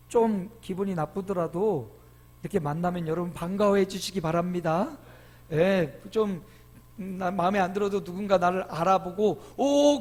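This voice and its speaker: Recorded in a church sanctuary with long hall reverb, a middle-aged pastor preaches a sermon in a high-pitched voice. He is emphatic, with loud swells and lively quoted voices.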